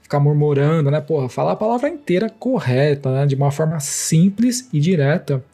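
A man's voice: fairly high pitch, animated, a little fast, mellow. A Brazilian man, a podcast guest, talking bluntly in casual slang and swearing freely. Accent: Brazilian Portuguese.

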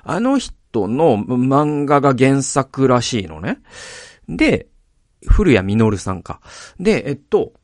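Animated man in relaxed podcast chat. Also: medium pitch, no room sound, clean studio sound. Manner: animated, rambling, often restarts his sentences. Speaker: podcast host. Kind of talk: casual chat about film acting.

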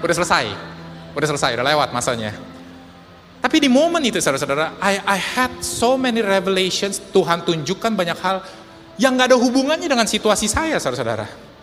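Animated male pastor in a reverberant hall. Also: sits high, quick pace. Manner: mixes in English phrases, addresses the congregation often; animated storytelling, swings from loud to soft. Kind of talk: sermon. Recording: hall with long reverb and faint music.

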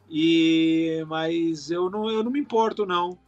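A Brazilian man, comedian and TV writer, chatting casually as a guest with relaxed slang and casual swearing. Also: a little high, slow, highs cut off. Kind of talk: casual interview chat.

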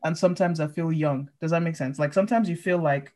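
A woman's voice: deep voice, a little mellow. Giggly young woman co-hosting a chat. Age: 20s. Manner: laughs often, halting restarts. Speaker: podcast co-host. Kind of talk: casual chat.

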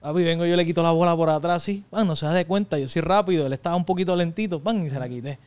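Fast, smooth man. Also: fairly high pitch. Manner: relaxed, slangy storytelling with "bro" and "papi". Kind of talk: casual chat.

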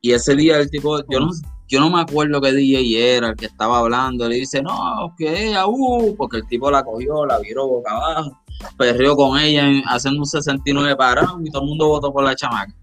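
A man's voice: mid-range voice, quick pace, soft background music. A young man telling stories in casual chat, acting out crowd voices. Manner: animated storyteller, acts out crowd voices.

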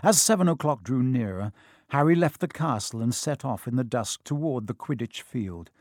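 Measured male audiobook narrator, dry sound. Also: medium pitch, no echo. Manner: measured and expressive. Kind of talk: scripted storybook narration.

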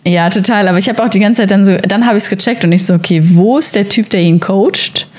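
A woman's voice: medium pitch, darkish tone. Chatty young woman from the Sauerland. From Sauerland, Germany. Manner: chatty storytelling, quick laughs, many fillers. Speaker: podcast co-host. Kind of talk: casual podcast chat.

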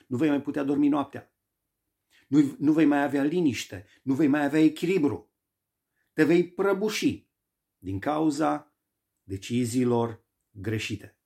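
Gravelly male preacher. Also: on the high side, a little mellow. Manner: emphatic, repeating phrases for stress. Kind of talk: sermon.

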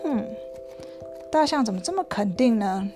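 A woman narrates a picture book aloud to a child in an animated, playful way, tossing in sound effects as she goes. Her voice sits somewhat high. Faint music plays softly behind her. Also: normal speed. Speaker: storyteller.

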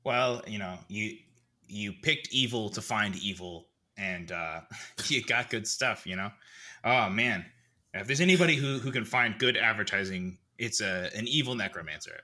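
A man playing a chatty, wistful evil necromancer who co-hosts a comedy podcast and speaks in a halting, casual way. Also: on the low side, expressive, pushed and bright. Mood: pleased. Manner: halting, casual delivery of villainous lines. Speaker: podcast co-host. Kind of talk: improvised in-character comedy chat.

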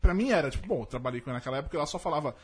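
A man interviewing a guest in a casual, jokey chat, animated and mimicking the people he quotes. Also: fairly high pitch, rapid-fire, crowd noise.

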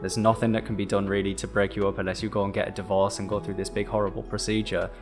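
A man's voice: lowish voice, level tone, quick pace, soft background music. A young man co-hosting a casual chat, talking in a reflective, rambling way. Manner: reflective, rambling, laughs easily. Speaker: podcast co-host.

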